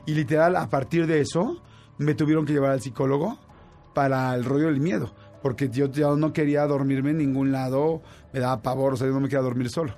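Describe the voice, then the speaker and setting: A man with a Mexican accent telling a personal story in casual chat, animated and full of fillers and restarts. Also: medium pitch, a little fast, faint music behind. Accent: Mexican Spanish.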